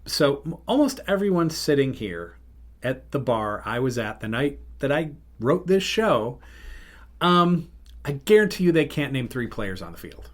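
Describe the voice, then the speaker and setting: A man's voice: mid-range voice, very animated, a little slow. A middle-aged man hosting a podcast, telling a rambling, self-interrupting road-trip story in casual chat. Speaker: podcast host.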